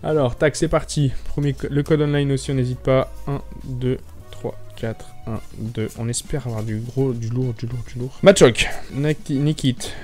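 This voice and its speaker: A young man with a French accent chatting excitedly to viewers, stumbling over his words as he opens card packs. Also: mid-range voice, normal speed, faint music behind. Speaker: YouTuber opening card packs. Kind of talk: casual excited chat.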